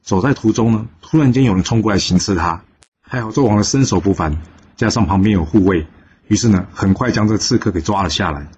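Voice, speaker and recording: A man hosting a storytelling channel, narrating a classical tale in a lively way and lightly voicing the characters in quotes. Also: fairly low pitch, a little fast, slightly rough. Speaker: storyteller host. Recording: slightly dull recording with faint noise.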